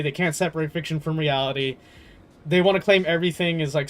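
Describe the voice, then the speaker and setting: This is a high-pitched, fairly bright male voice belonging to a livestreamer playing a video game. He chats casually and rambles with opinions, slang, some swearing, and an amused, incredulous tone.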